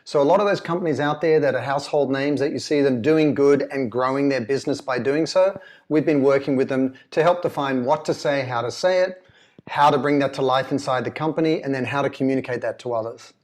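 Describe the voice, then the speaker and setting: A man's voice: medium pitch, fairly quick, a little mellow. Australian man in a roomy, echoey recording. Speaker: guest, consultancy founder and speaker. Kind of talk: interview conversation, explaining.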